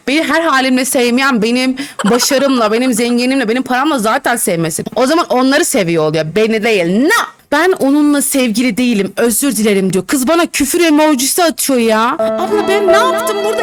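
A woman commenting on a roleplay game, teasing the players, laughing often and talking to her viewers. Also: high-pitched. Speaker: Roblox roleplay streamer. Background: background music.

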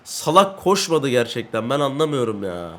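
Young man, gaming commentator, bright and excitable, shouts at teammates. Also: medium pitch, moderate pace. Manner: excitable, yells and curses at teammates. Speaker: gaming YouTuber. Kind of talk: Let's Play commentary.

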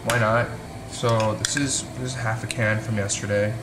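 A young man with a lowish voice talks in a flat way at a moderate pace, chatting casually as he cooks at home, thinking aloud and teasing himself about his cooking. A distant camera mic catches him in an echoey home kitchen, with a sizzling pan frying and music playing in the background.

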